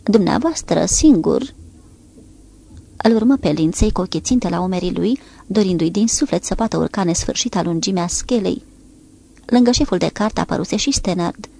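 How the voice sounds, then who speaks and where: A woman narrating an audiobook with a steady, even reading. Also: lowish voice, creaky. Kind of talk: scripted narration.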